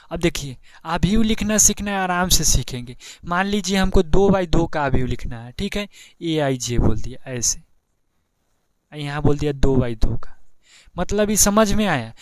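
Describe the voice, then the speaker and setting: A young man with a Bihari Hindi accent teaches a maths lesson in a chatty, repetitive way, checking in with the class again and again. His voice sits a little high and sounds smooth and clear. It is recorded close and dry, with no room sound. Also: no echo. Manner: chatty, repeats steps, keeps asking "ठीक है ना". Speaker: math teacher. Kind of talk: board exam tutorial.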